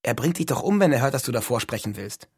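A man reading an audiobook and voicing a shy, hesitant teenage boy in a subdued, husky voice. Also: mid-range voice, expressive, fast, darkish tone, dry recording, clean studio sound. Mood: unsure.

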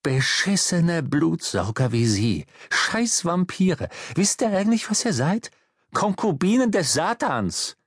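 A man's voice: mid-range voice, expressive, moderate pace, slightly rough, no room sound, clean studio sound. A man reading an audiobook, voicing a desperate middle-aged man who pleads and then hurls insults in a raised voice. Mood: abusive.

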